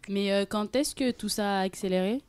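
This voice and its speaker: A woman's voice: medium pitch, normal speed, a little mellow, clear, resonant tone, no echo. A young woman hosting a student radio show, casual and hesitant, with many fillers. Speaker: host.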